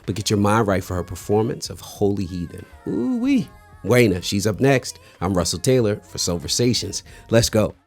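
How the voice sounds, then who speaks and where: A man hosting a relaxed interview show, upbeat and affirming, often answering with short mm-hmms. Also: on the low side, normal speed, faint music behind. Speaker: host. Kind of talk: interview host chat.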